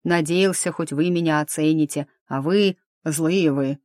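A woman's voice: low voice, darkish tone, no echo, studio quality. A woman voicing a cheeky, theatrical young male dragon prankster who boasts and sulks, in a storybook reading. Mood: sulky. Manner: boastful, sulky, drawn-out complaints.

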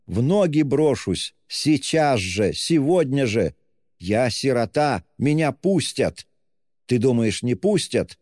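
A man's voice: medium pitch, a little mellow, studio quality, voice pushed up, lightly acted. A man voicing a frantic, shrieking older woman who hurls insults in desperate fury. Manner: screaming, hurling insults. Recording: long hall reverb.

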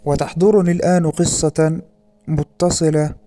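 Mellow, slightly high-voiced male lecturer. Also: steady tone. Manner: measured, slows down to pronounce example words carefully. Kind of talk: formal academic lecture.

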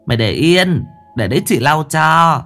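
A man's voice: fairly high pitch, big pitch swings, a little slow, pushed and bright, faint music behind, pitched above the performer's own voice, full character voice. A man voicing an effeminate, flirty man with a whiny sing-song voice in a spoken ghost story. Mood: coy fussing.

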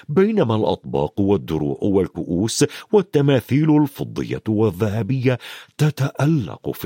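Man reading an audiobook, super animated delivery, dead dry recording. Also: fairly low pitch, creaky, breathy edge, no echo. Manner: dramatic, swings from loud to hushed. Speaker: audiobook narrator. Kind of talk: scripted audiobook narration.

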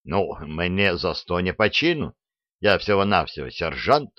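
Brief: male reader doing a cunning double agent, low-pitched, lively and crafty, lo-fi audiobook. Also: measured pace, no echo. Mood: sly. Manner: sly, boastful storytelling.

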